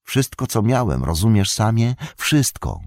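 A man's voice: deep voice, lively intonation, measured pace, darkish tone, no room sound, studio quality. A man voicing a weary young male hobbit who turns despairing and grasping, in a raised, strained voice.

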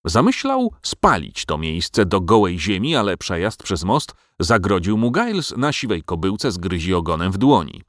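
A man narrating a storybook tale as an audiobook, in an expressive storytelling manner. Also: low voice, moderate pace, few pauses, dry recording, clean studio sound.

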